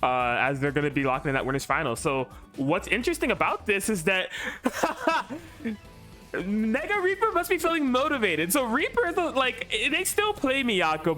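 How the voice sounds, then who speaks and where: A commentator on a fighting game tournament stream, excitable and laughing along with the plays. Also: mid-range voice, fairly quick, few pauses, soft background music. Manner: excitable, laughing, disbelieving shouts. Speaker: esports commentator.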